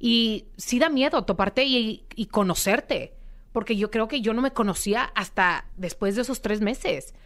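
A young woman tells her story as a podcast guest. Her voice sits a bit high, and she is animated, acting out the voices of the people in her story. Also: unhurried. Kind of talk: interview storytelling.

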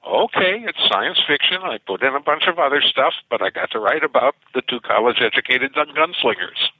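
This is a phone interview with an older male science fiction writer who narrates stories with energy and keeps restarting. He speaks briskly in a mid-range voice with lively intonation, and the line sounds tinny and dry.

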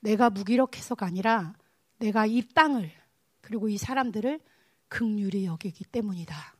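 A woman voicing God as a calm, grave, commanding presence, speaking slowly and in a low hush. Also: husky, no echo, close to an everyday voice. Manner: slow, low, hushed delivery.

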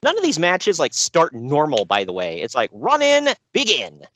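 A man's voice: on the high side, huge pitch swings, normal speed, a bit bright, slight background noise. A man co-hosting a podcast, recapping a show with dry sarcasm and frequent laughs. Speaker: podcast co-host. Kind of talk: casual chat.

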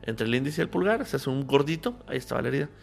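A man's voice: medium pitch, sing-song, rapid-fire, creaky. A man with a Mexican accent, a podcast guest telling a story in casual conversation and acting out both sides of the dialogue he remembers. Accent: Mexican Spanish.

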